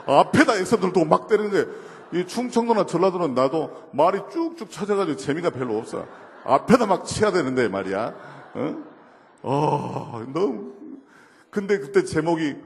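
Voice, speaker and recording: A man giving a lively testimony sermon at a church, telling stories with acted quotes and moving from soft murmurs to loud outbursts. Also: on the high side, normal speed, long reverb tail. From South Korea. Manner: storytelling with acted quotes, laughing, shifts from murmur to shouting. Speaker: guest speaker at a church service.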